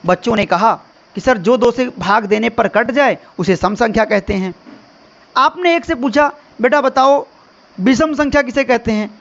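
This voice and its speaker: Man, very high voice, exam-prep teacher, rhetorical questions, dull lo-fi sound. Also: moderate pace, fairly bright tone. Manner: addresses viewers as friends, quizzes them with rhetorical questions. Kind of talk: online exam-prep lesson.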